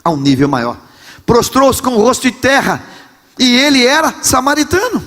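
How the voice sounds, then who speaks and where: A man with a fairly high voice and a Rio de Janeiro Brazilian Portuguese accent preaches a Pentecostal sermon, impassioned and often shouting as he repeats his phrases. His voice rings out through a large church sanctuary. Long reverb from the hall trails after every line. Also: big pitch swings, normal speed. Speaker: pastor.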